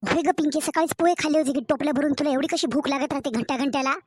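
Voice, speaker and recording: A woman's voice: high-pitched, steady tone, racing, natural voice. Woman voicing a harsh cartoon stepmother. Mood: irritated. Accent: Marathwada Marathi. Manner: sharp, scolding, irritable. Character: harsh scolding young stepmother, impatient and cold.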